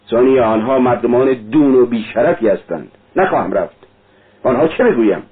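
Man doing a tormented young man, agitated, husky, lo-fi radio sound. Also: mid-range voice, expressive. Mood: bitter. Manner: intense, agitated, raised voice.

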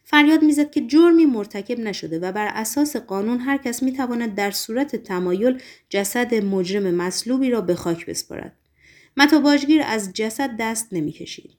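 A woman narrating a novel as an audiobook in a measured, literary reading. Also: a little high, expressive, a little mellow.

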